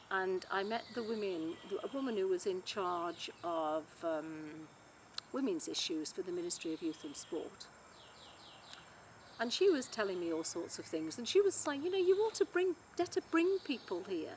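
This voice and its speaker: An Englishwoman recounting in a documentary interview how she organised an event, acting out other people's words with lively energy. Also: medium pitch, slight background noise. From England. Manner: animated, acts out quoted speech.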